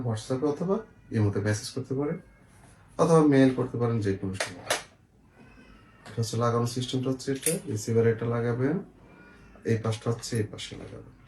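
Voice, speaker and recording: With a Bangladeshi accent and a darkish, medium-pitched voice, a male seller casually presents and explains products, frequently checking in with the viewer. The room is echoey, with faint noise and clicks.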